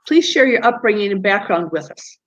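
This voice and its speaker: A woman's voice: mid-range voice, expressive, fairly quick, highs cut off. A woman hosting an interview series on a video call, appreciative as she introduces her guest and asks questions. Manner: warmly appreciative, reads introductions. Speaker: host.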